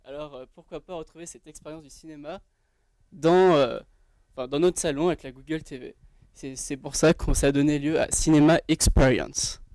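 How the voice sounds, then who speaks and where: A man presenting his team's project on stage in a casual, halting way, with many fillers. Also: on the high side, steady tone, darkish tone, no echo. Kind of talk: pitch presentation.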